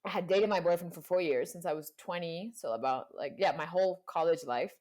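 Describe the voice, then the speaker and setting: A young woman, a guest in a casual chat, tells a personal story packed with "like" fillers and acts out the voices she quotes. She's from Panama and Colombia, and her voice is brisk, fairly low, and darkish in tone.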